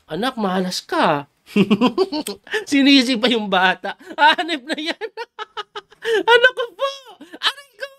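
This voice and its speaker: A middle-aged man from the Philippines, a chess coach giving excitable live commentary on a game and reacting loudly to each move. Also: very high voice.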